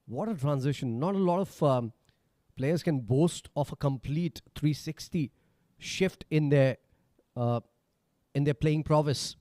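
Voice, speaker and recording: A man giving live cricket commentary, chatty analysis with thinking pauses between phrases. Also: fairly high pitch, mellow, no room sound.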